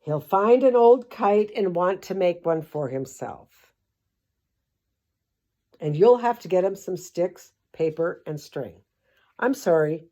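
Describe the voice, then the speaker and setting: A grandmotherly older woman with a somewhat low voice reads a kids' picture book for grown-ups. She keeps stopping for sarcastic, wandering asides and throws in the odd swear word, unimpressed by the story. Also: animated, slow, long pauses, warm tone. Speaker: host reading a children's book aloud. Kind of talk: comic storybook commentary.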